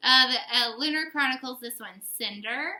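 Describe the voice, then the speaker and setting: A woman's voice: high voice, pushed and bright, rough recording. A young woman co-hosting a casual book haul video, chatty and giggly, teasing herself as she talks. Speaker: book channel co-host.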